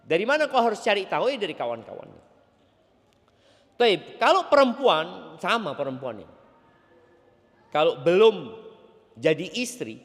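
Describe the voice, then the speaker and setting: A man preaching a sermon to a congregation, animated and playful, addressing the audience directly. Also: on the high side, long reverb tail.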